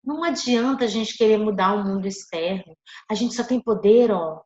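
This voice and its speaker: A woman's voice: medium pitch, moderate pace, a little mellow. Encouraging woman coach, echoey room. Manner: encouraging, emphatic, addresses listeners directly. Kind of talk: online masterclass talk. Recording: echoey room, dull lo-fi sound.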